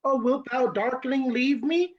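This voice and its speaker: Woman as lovelorn young woman, pleading, high voice, muffled lo-fi sound. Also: a little slow. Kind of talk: Shakespeare reading.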